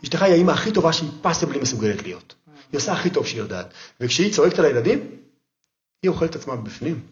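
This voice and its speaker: A man's voice: roomy sound, muffled recording. A man as a podcast guest giving parenting advice through vivid, emphatic anecdotes. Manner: animated storyteller, emphatic, lively pitch swings.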